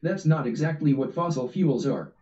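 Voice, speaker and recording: A man voicing a smooth male event announcer with a showy delivery, recorded distant and roomy. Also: on the high side, moderate pace, mellow, lightly acted. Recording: roomy, distant, dull audio.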